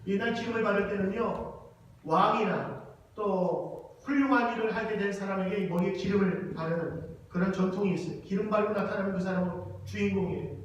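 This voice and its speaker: Brief: male pastor, fairly high voice, emphatic sermon, recorded from afar in a very echoey hall. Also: muffled recording, a little hiss or hum. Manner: slow, emphatic scripture reading. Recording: echoey church hall from far off.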